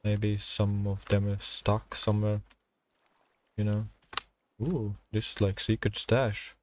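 A man streaming a survival game, talking to himself and his chat in halting, while he plays. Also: lowish voice, monotone, darkish tone, a little hiss or hum. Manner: halting non-native English, thinking aloud while playing. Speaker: gaming streamer. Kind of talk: casual gameplay commentary.

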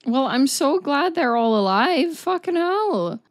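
A woman's voice: high voice, very animated, takes it slowly, no echo, soft background music. A woman hosting an anime reaction video, gushing, exclaiming and swearing casually as she watches.

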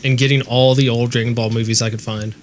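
A man's voice: mid-range voice, little pitch movement, fast, a little hiss or hum. A man chatting crudely and jokingly while co-hosting a let's play of a video game. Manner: crude, joking, sings snatches of songs. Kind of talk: casual gaming chat.

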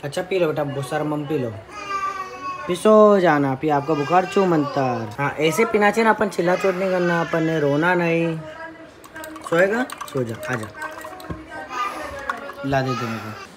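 A man's voice: a little high, expressive, a little slow, pauses often, background noise. A man filming a casual family vlog as a father, coaxing and soothing a small child.

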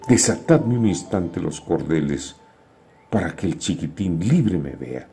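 A man reading a poem aloud and voicing a condemned prisoner who speaks calmly to his son. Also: low voice, faint music behind, pitched above the performer's own voice, exaggerated voice. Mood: grave. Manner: grave, measured. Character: stoic condemned prisoner, a grave calm father.

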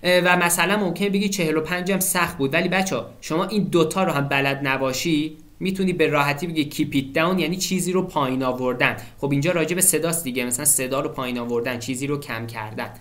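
A man in his twenties tutoring for an English exam in an animated way. He often checks in with students and slows down to spell out English phrases. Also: a little high. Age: 20s. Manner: animated, keeps checking in with "okay?" and addresses students as kids. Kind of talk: exam-prep lesson walkthrough.

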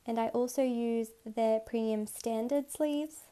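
Unhurried and fairly even in intonation, her dark-toned voice sits on the high side, roughened by a slight cold. She's a channel host narrating a chatty, enthusiastic voice-over about her photocard collection. Music runs underneath, and the audio was recorded separately, not in the pictured room.

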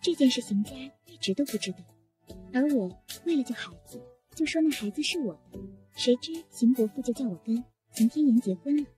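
A woman's voice: fairly high pitch, animated, brisk, mellow, soft background music, lightly acted. A woman voicing a scheming young woman who pleads and wheedles in an audio comic story. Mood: pleading.

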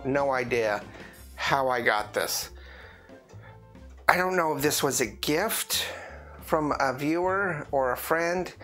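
A man's voice: mid-range voice, a bit bright. Rambling man in a casual coffee vlog. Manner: rambling, filler-heavy, restarts his sentences. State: rough morning voice, clearing his throat. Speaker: host of a drinks review channel.

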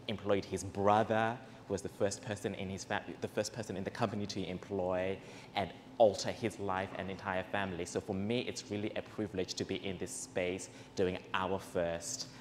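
This young event host from Zimbabwe speaks in a low voice into a handheld microphone, giving a live speech on gratitude to a seated crowd. His tone is earnest, warm and personal. The large indoor hall echoes, with a little background noise.

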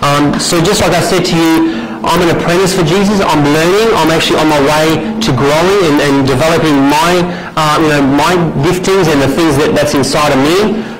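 A man's voice: fairly high pitch, moderate pace, hardly any pauses. A middle-aged man from Romania, earnestly teaching a discipleship class and often restarting his sentences. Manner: earnest, restarts a lot, gestures while standing. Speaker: discipleship trainer. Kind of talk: teaching talk with stories. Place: small indoor meeting room. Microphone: far camera. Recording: echoey room with background noise.

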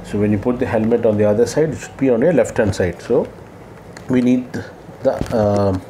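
Seated on his floor indoors, a young man walks viewers through a how-to in a casual vlog, stopping mid-sentence now and then while he works. The explanation is halting, his voice mid-range, with constant room noise in the background.

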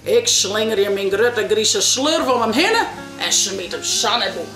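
A woman voicing a big, self-assured grey elephant in a children's storybook, speaking slowly and heavily. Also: mid-range voice, animated, roomy sound, over music, pitched below the performer's own voice, lightly acted.

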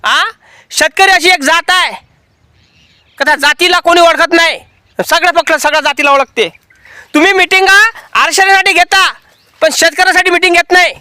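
A man's voice: very high-pitched, moderate pace, pauses often, sharp tone, dry recording. A man, a farmer, making an impassioned protest speech to camera outdoors in a cotton field. He sounds angry and rhetorical and keeps repeating his points.

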